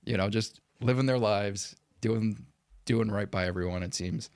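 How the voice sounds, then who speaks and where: A gravelly, somewhat low-voiced man chatting casually as a podcast co-host. He rambles in halting bursts, restarting and repeating words as he feels his way through a thought. The sound is dry and close. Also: darkish tone, no echo. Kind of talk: casual chat.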